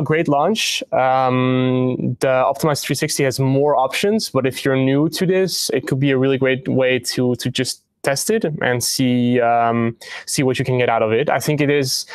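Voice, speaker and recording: Young male host, mid-pitched, halting delivery full of fillers, dry close sound. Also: no room sound. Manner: hesitant, frequent ums and restarts. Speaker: host of a partner news livestream. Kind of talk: presenting product updates to camera.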